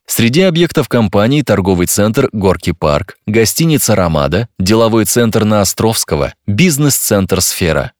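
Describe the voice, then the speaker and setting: A man reading a recorded phone menu in a measured, formal announcer manner. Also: fairly low pitch, dry recording, studio quality.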